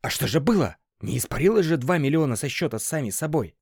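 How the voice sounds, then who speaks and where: A man's voice: fairly high pitch, sing-song, moderate pace, breathy edge, dry recording, studio quality, pitched above the performer's own voice, heavily acted. A man voicing a brusque male boss who barks demanding questions at his secretary. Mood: demanding, shouting. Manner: barking, demanding, commanding. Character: brusque middle-aged male boss, shouting.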